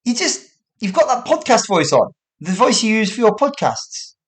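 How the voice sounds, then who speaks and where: A man's voice: sits high, very animated, moderate pace, fairly bright tone, pitched above the performer's own voice. A man putting on a casual, blunt male friend in a raised, offhand voice.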